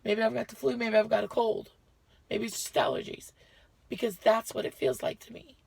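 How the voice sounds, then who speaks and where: A woman's voice: on the high side, level tone, moderate pace, gravelly, a little mellow, husky. A woman vlogger giving a chatty, rambling health update to her viewers, short of breath and often correcting herself. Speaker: lifestyle vlogger.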